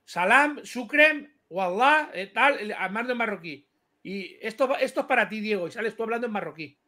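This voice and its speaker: Fast, bright-voiced man. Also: sits high. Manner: animated, swearing, talks over others. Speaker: livestream guest. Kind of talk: heated casual livestream chat.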